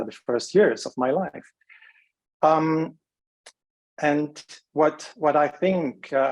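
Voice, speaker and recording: Thoughtful male interview guest, mid-pitch. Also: darkish tone, low-quality recording. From Lebanon, raised in Switzerland. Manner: measured, thoughtful, pauses to search for words. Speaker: guest, rehab center CEO. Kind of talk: reflective interview answers.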